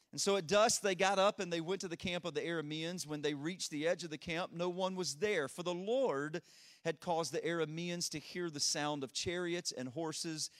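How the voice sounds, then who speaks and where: A man's voice: on the high side, fairly bright tone. A man preaching a sermon into a pulpit microphone, retelling a Bible story earnestly and often restarting his sentences. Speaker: pastor.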